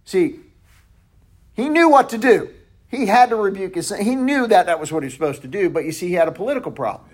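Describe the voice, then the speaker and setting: A man teaches a Bible study in an easygoing, conversational way. He stumbles and corrects himself as he goes and sometimes drops to a near hush. His voice sits a little high for a man. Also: lively intonation, quick pace.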